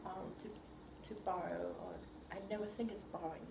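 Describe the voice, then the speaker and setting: With a lowish, creaky voice, a composer from China muses slowly during an interview in a New York room, often stopping to find a word. Echo and a steady hiss fill the recording.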